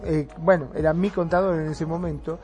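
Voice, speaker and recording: A woman's voice: low-pitched, a little fast, over music. A woman telling an anecdote in casual chat, acting out what people said. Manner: animated anecdote teller, shouts out quoted lines. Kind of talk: casual storytelling.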